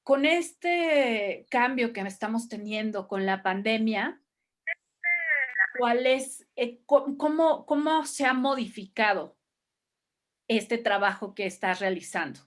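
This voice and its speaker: A woman hosts an interview over a video call. Her voice sits fairly high, and she asks her questions slowly, pausing on fillers as she searches for words. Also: expressive. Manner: slow, hesitant questions with fillers. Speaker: host. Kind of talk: casual online interview.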